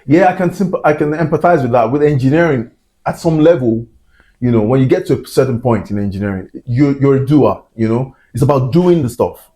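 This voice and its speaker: In Glasgow, a male science podcast host speaks briskly and expressively in a medium-pitched, dark-toned voice. He keeps the interview casual and rambling, with many fillers and digressions.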